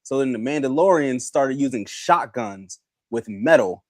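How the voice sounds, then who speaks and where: A man's voice: mid-range voice, animated, a little slow, darkish tone, no echo. Man, podcast co-host, laid-back, laughing, dry close sound. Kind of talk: casual anime chat.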